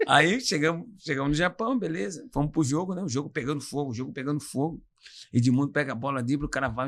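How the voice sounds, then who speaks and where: A man's voice: mid-range voice, noisy background. A man with an inland São Paulo accent, a podcast guest telling funny stories from his playing days in a casual chat and laughing as he goes. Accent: São Paulo interior. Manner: animated storyteller, laughs through anecdotes. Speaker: podcast guest, former footballer.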